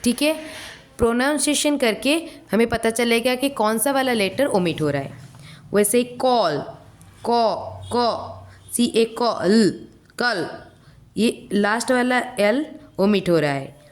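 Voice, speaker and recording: Woman teacher, high voice, slow deliberate lesson pace. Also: animated. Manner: slow, sounds out letters one by one. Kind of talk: exam-prep English lesson.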